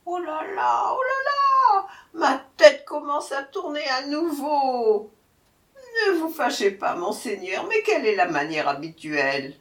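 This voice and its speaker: A woman voicing a sly male jackal who plays dumb in a storybook tale, whining in a high, drawn-out, fretful voice. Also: very animated, a bit bright, exaggerated voice. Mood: whiny feigned confusion. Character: sly male jackal feigning silly confusion. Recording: echoey room, voice from far off.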